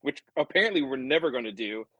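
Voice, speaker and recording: A man's voice: mid-range voice, expressive, quick pace, pushed and bright, no echo, low-quality recording. A middle-aged man, a comics writer guest, chatting casually and animatedly, drifting into tangents and acting out quoted customers. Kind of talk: casual chat.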